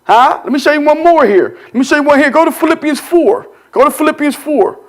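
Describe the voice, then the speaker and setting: High, lively-voiced man preaching Bible study. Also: a little fast. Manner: call-and-response preaching, repeats "huh?" to the congregation; colloquial, swings between quiet asides and shouted emphasis. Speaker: pastor. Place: church.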